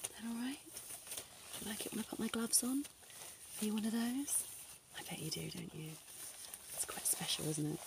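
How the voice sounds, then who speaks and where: A woman playing a flirty, teasing female doctor in a soft whispered role-play, coy and playfully bossy. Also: on the high side, animated, moderate pace, gravelly, pauses often, far from the mic, background noise.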